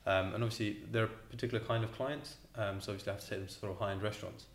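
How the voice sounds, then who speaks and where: With a voice on the low side and fairly even intonation, a man rattles off rapid-fire answers as an interview guest. He co-owns a restaurant and responds casually and hesitantly, with ums and repeated words, in a room with noticeable echo.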